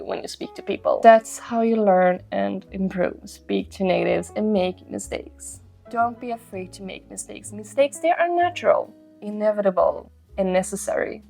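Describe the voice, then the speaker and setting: A young woman whose first language is Swedish speaks to camera as a language-learning host, offering earnest, encouraging, motivational advice and repeating her key points. Her mid-range voice is gravelly and mellow.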